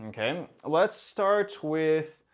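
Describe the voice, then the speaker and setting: A man's voice: on the high side, very animated, drawn-out words. A man giving casual dating advice as a coach, talking straight to the viewer and checking in with "okay?" and "right?" after his points. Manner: conversational, full of "okay?" and "right?" tags; acts out little quoted exchanges.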